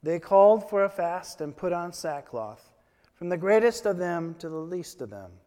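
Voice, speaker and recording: A man with a fairly high voice leads prayers and reads scripture in a measured, solemn manner. His words ring out with a cathedral echo, trailing a long reverb through a large church. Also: sing-song, warm tone. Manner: measured, solemn reading aloud. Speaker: officiant leading worship. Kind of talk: liturgical prayer and scripture reading.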